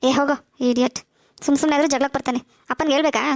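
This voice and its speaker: A bossy, sassy teenage girl from a cartoon, voiced by a woman fires off her lines quickly in a high voice. The sound is dry and close. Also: fairly even intonation, dry recording, close to an everyday voice. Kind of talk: cartoon voice acting.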